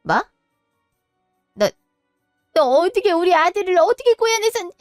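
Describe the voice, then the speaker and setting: A woman's voice: extremely high pitch, big pitch swings, unhurried, dry recording, studio quality, soft background music, heavily acted. A woman voicing a domineering elderly mother who scolds and gets flustered. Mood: outraged. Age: older.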